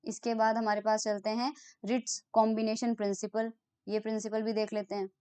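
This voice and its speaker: Clear-voiced woman lecturing step by step. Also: a little high, little pitch movement, mellow, no room sound. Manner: explains step by step, reads English definitions slowly, then restates them in Hindi. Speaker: physics lecturer. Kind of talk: recorded online lecture.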